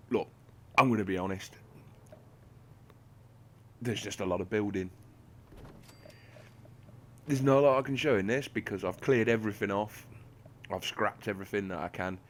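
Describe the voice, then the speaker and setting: Sarcastic man with a low voice. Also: slight background noise. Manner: sarcastic, self-mocking, rambling. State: slight lisp from toothache. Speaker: gaming channel host. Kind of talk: gameplay commentary.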